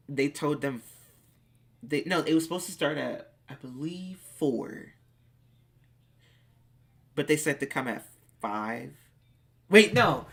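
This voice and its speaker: Chatting casually on a live stream, a late-teen speaker reads out audience questions and replies in excited bursts. Their medium-pitched voice sounds creaky and slightly rough.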